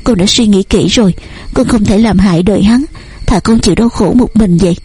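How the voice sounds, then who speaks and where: A woman's voice: mid-range voice, brisk, mellow, breathy edge. A woman voicing a frightened, tearful young daughter who pleads with her mother. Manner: pleading, sobbing.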